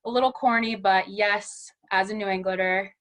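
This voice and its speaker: A woman's voice: medium pitch, fairly even intonation, moderate pace, fairly bright tone. Chatty upbeat woman. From Western Massachusetts. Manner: chatty and upbeat, many "you know"s. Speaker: guest speaker, small business specialist. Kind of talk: webinar presentation.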